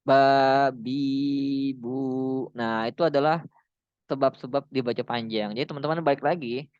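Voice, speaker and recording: Male recitation teacher, casual and chatty, smooth voice, slightly dull dry recording. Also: medium pitch, dry recording. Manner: chatty, drawn-out demonstration recitations. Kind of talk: casual online tajwid lesson.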